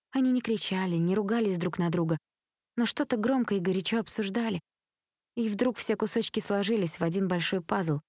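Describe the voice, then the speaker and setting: A woman narrating a teen novel as an audiobook in a steady, even storytelling manner. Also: lowish voice, no echo, studio quality. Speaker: audiobook reader. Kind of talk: scripted narration.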